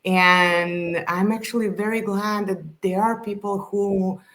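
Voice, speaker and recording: A woman's voice: mid-range voice, fairly even intonation, slow pace, a bit bright. A woman from Serbia, speaking as a podcast guest in earnest, casual conversation, often restarting as she searches for words.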